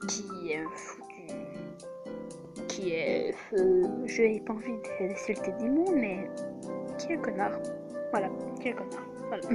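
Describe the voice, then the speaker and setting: A woman playing through a story game, reading it aloud and reacting in an excitable way, laughing often and protesting loudly. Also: medium pitch. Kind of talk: let's play, reading choices and reacting.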